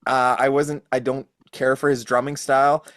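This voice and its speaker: A man's voice: medium pitch, little pitch movement, moderate pace, fairly bright tone, no echo. Gushing, enthusiastic man, dry sound. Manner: enthusiastic, gushing fan talk. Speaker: podcast guest. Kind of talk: casual chat.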